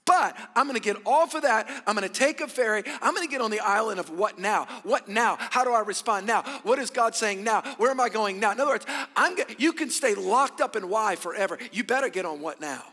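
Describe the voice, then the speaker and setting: Forceful preacher man at a pulpit microphone. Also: high voice, expressive, brisk, hardly any pauses. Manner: emphatic, rhetorical questions, call-and-response with congregation. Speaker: pastor. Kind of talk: sermon. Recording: long church-hall reverb.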